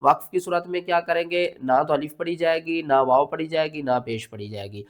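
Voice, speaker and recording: A man teaching Quran recitation step by step. He asks himself questions as he explains, then recites slowly in a drawn-out chant. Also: fairly high pitch. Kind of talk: step-by-step tajweed lesson.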